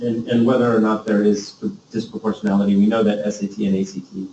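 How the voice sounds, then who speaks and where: A man's voice: on the low side, level tone, fast talker, dark tone, a little hiss or hum. A man in a committee meeting discussion, speaking earnestly and trailing off at the end of his points. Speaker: committee member. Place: meeting room. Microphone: distant room mic. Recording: dull, echoey meeting room from far off.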